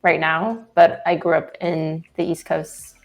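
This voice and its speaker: Offhand female co-host from Massachusetts, gravelly low voice. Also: steady tone, measured pace. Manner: rambling, offhand. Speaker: designer advocate, co-host. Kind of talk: casual group livestream chat.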